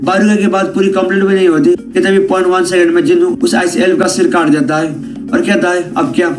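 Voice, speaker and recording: A man with a high-pitched voice narrates an anime recap from a script, telling the story scene by scene and voicing the dialogue as reported lines. Music plays behind his narration. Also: level tone, fairly quick. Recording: music bed under the voice. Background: background music.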